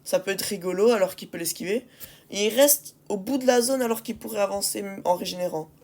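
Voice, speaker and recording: A woman creating gaming videos briskly narrates match replays in a medium-pitched, darkish voice. Her commentary is casual but exasperated with her teammates, full of repeated phrases and rhetorical questions for emphasis.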